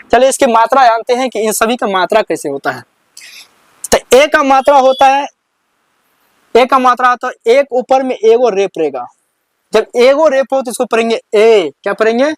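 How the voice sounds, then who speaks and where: A Hindi teacher, a man with a high voice, gives a slow classroom-style alphabet lesson, asking "what will we read?" and then answering it himself. He repeats questions back to his students and counts slowly, recorded close and completely dry with no room echo.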